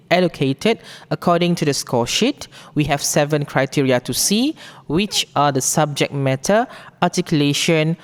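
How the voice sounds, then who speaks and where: A woman with a low voice and a Malaysian accent sets out rules in a formal briefing. She is deliberate and instructive, taking things item by item. The sound carries a long, echoing reverb. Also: clean tone. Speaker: competition briefing presenter.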